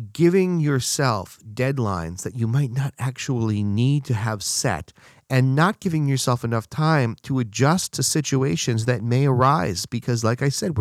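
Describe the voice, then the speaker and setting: Man giving casual business advice, dry sound. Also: dry recording. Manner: conversational, acts out quoted dialogue with rising pitch. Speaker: business speaker.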